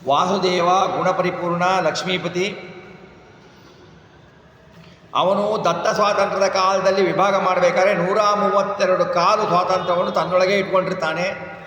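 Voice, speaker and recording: A man's voice: sits high, level tone, moderate pace, long pauses, fairly bright tone. Man giving a religious discourse in an echoey hall. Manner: explains with rhetorical questions, chants scripture. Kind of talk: devotional discourse with chanted verses. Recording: echoey hall with faint noise.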